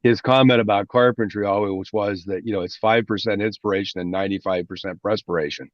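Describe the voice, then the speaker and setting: A man's voice: on the low side, fairly even intonation, quick pace, no room sound. Chatty man on a dull, dry call line. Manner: chatty storyteller, frequent restarts. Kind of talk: casual chat on a video call. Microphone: video call microphone.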